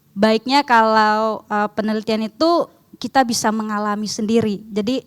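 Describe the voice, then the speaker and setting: A woman's voice: fairly high pitch, fairly bright tone, clean tone. A young woman, a foreigner speaking Indonesian with a foreign accent, presenting research informally and often putting questions to her listeners. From outside Indonesia. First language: not Indonesian.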